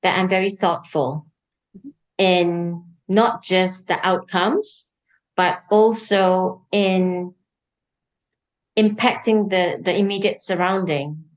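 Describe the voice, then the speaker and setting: A woman's voice: fairly low pitch, slow pace, poor audio. Cheerful middle-aged woman from Singapore. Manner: cheerful, giggly, laughs easily. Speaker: guest. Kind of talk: casual interview chat.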